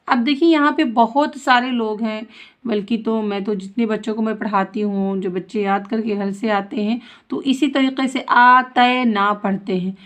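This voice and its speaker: A woman teaching a Quran recitation lesson, reciting words slowly and drawn out, then explaining rules briskly and answering her own questions. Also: fairly high pitch.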